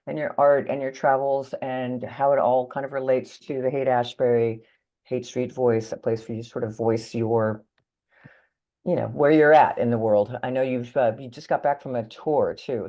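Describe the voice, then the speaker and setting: A woman's voice: a bass voice, steady tone, normal speed, warm tone. A woman hosting an interview who sounds a little tired, chatty and scattered, with many fillers. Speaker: interviewer host. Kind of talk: casual interview talk.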